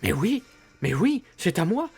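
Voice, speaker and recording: A man's voice: sits high, sing-song, unhurried, creaky, a little mellow, husky, pitched above the performer's own voice, full character voice. A man voicing a flustered, gullible middle-aged husband in a read-aloud story. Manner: flustered, anxious.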